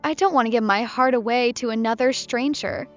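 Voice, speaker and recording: A woman's voice: fairly high pitch, a little fast, lightly acted. A woman voicing a chatty heartbroken young woman. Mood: tipsy bitter. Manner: bright, chatty, bitter. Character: talkative young woman camper, heartbroken, tipsy. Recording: muffled with soft music behind.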